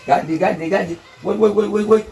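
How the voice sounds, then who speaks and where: A man with a Haitian accent playing an indignant, excitable neighbour in a comic skit, repeating words and phrases as he scolds. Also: high-pitched, a little fast, faint music behind, lightly acted. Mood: mocking excitement.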